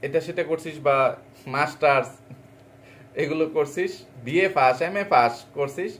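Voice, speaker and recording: A man's voice: fairly high pitch, normal speed. A man delivering an angry, insulting rant as a reaction vlogger, scolding and mocking another vlogger.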